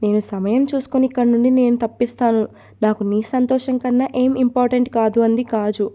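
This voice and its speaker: A woman voicing a caring younger sister who calmly reassures her older sister. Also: fairly high pitch, a little fast, highs cut off, close to an everyday voice. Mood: reassuring. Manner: reassuring, persuasive.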